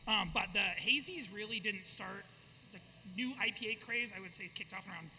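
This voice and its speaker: A man's voice: high-pitched, normal speed, gravelly. A man, a brewer, explaining beer history knowledgeably in casual chat. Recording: reverberant room with noise.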